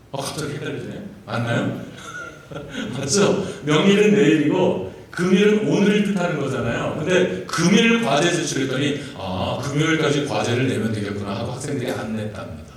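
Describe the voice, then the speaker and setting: A male pastor giving a playful sermon, joking and asking his congregation questions. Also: fairly high pitch. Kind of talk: sermon with jokes and congregation interaction. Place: church sanctuary. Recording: echoey church hall, mic at a distance.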